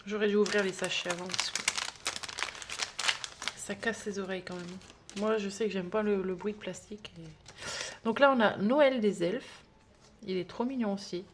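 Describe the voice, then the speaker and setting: A woman chatting casually through an unboxing for a budgeting vlog, gushing over small items with many fillers and sometimes dropping to a soft whisper. She sounds tired. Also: mid-range voice, normal speed, long pauses, heavy background noise. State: tired, trembling hands. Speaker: budgeting vlogger.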